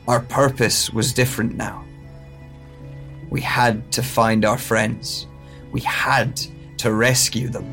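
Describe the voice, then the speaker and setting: A man performs an audio drama monologue as a guilt-stricken, haunted scholar whose memories are gone, delivering it in slow, halting, deliberate phrases. His voice is mid-range, creaky, and a bit bright.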